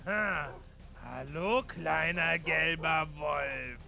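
Gravelly gloating werewolf, a man playing it. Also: a little high, takes it slowly, bright, forceful tone, heavily acted. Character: menacing male werewolf father, gloating. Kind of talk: Minecraft role-play. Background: game music.

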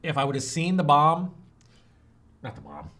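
In his food vlog, a man with a slightly high voice, speaking at normal speed, casually tries spicy chicken bites. He's lively throughout, letting out gasps and groans as the hot sauce sets his mouth on fire.

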